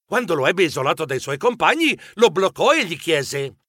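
Guy reading a kids story, bright high voice, bouncy and playful, dry sound. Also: big pitch swings, moderate pace, no echo. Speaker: narrator. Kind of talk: children's audiobook narration.

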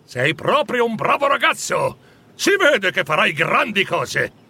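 A man voicing a joyful, excitable old miser in a storybook reading, his voice high and exclaiming. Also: measured pace, creaky, slightly rough, heavily acted. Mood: delighted.

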